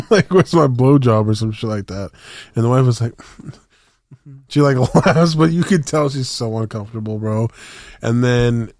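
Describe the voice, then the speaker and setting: A man's voice: mid-range voice, unhurried, pauses often, darkish tone, no room sound, clean studio sound. A young man on a podcast, telling a story in rambling, slangy casual chat with lots of restarts. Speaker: podcast co-host.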